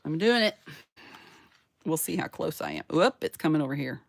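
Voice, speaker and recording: Woman craft vlogger, low voice with a gravelly edge, chatty and playful, talks viewers through each step. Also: expressive, normal speed, no echo. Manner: chatty, talks to herself while working; playful sound words and self-cheering. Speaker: craft channel host. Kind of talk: casual crafting tutorial.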